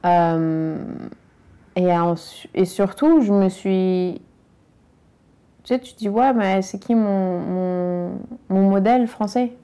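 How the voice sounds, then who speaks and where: A documentary interviewee from France talks to the listener in a casual interview, frank and emphatic in what she says. Her medium-pitched voice is mellow and clean, and she speaks at a slow pace.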